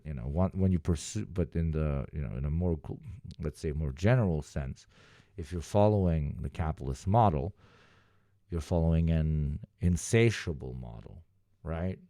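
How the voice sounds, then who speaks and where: A man with a deep, relaxed voice hosts a casual livestream, recorded dry and close. He rambles sardonically between political commentary and chat with his viewers. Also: vocal fry, no room sound. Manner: rambling, sardonic, sweary asides. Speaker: livestream host.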